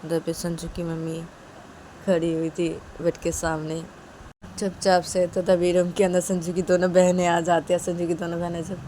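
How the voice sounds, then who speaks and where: A woman's voice: lowish voice, little pitch movement, normal speed, warm tone, a little hiss or hum. A young woman narrating a love story in a plain, repetitive, casual way as a channel host. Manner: plain, repetitive, linking with "then".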